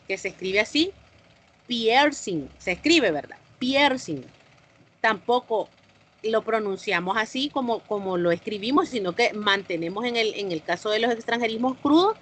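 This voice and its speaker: A woman teacher walks her online class through a lesson in a fairly high voice. She explains patiently and keeps asking the students questions. A faint noise runs under the recording. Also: a bit bright.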